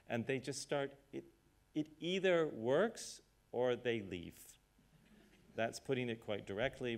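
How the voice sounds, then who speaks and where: A man's voice: lowish voice, vocal fry. A middle-aged man who grew up in Canada, leading a Q&A as an artistic director and speaking directly, with hesitations, in a rehearsal studio. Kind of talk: candid conversational talk.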